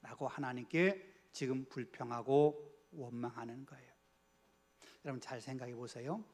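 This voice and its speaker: A man's voice: mid-range voice, normal speed, darkish tone. A man preaching a Bible study sermon as pastor in a church, earnest and asking the congregation rhetorical questions, sometimes dropping to a near whisper.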